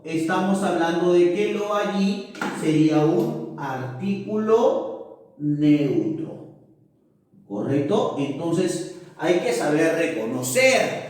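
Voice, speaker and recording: A man teaching a grammar lesson, asking questions in a higher pupil's voice and then answering them himself. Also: a little mellow. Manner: asks and answers his own questions, often in a higher pupil-like voice. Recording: echoey room, voice from far off.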